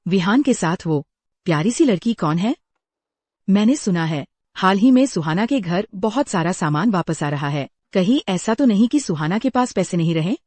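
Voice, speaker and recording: A nosy, quick-tempered village auntie, voiced by a woman who gossips and scolds loudly. Her voice is mellow and warm in tone, and it sits at a middle pitch. The sound is dry and close, with no room echo. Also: lively intonation, close to an everyday voice. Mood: gossipy. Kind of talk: dubbed drama acting.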